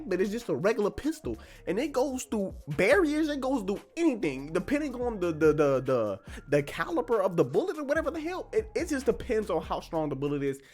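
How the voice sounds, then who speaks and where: A man talking casually and excitedly, with frequent stammers and slang, calling the listener bro as he ranks his picks. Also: sits high. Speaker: anime commentator. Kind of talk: casual ranking commentary.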